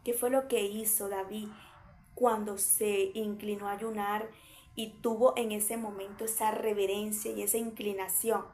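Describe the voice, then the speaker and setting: A woman's voice: mid-range voice, little pitch movement, measured pace, a little mellow, a little hiss or hum. A woman preaching a sermon, reading scripture and explaining it with everyday examples, repeating phrases for emphasis.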